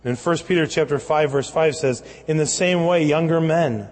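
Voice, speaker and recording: A pastor delivering a sermon, telling stories with acted-out dialogue and building to emphatic points. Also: male voice, fairly high pitch, moderate pace, a little mellow, long reverb tail. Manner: storytelling with acted dialogue, rising to emphatic preaching.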